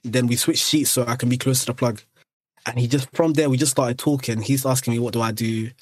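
A young man chats casually, drifting through long anecdotes and restarting his sentences often. His voice sits at an everyday middle pitch. The sound is close and dry. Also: fairly even intonation, fairly quick, no echo. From Eritrea and Sudan. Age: young adult. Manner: rambling anecdotes with many restarts. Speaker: podcast guest. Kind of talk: casual chat, storytelling.

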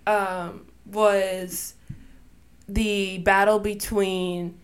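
A woman's voice: mid-range voice, little pitch movement, drawn-out words, smooth. A woman co-hosting a casual podcast, chatting about films, often stumbling over names, apologizing and laughing. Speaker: podcast co-host. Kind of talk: casual chat.

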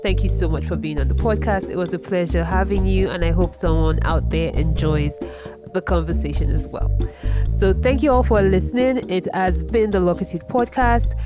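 Host, Nigerian woman, lowish voice, music in the background, friendly interview chat. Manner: friendly, with light laughter and short affirmations. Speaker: podcast host.

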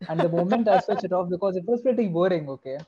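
A man's voice: quick pace, slight background noise. A man telling anecdotes in casual chat as a motorsport podcast panelist. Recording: muffled low-fi audio.

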